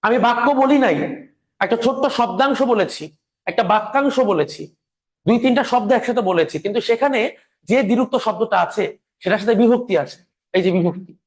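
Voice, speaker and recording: A man teaching a grammar lecture slowly and patiently, repeating his examples while speaking through a sore throat. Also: high-pitched.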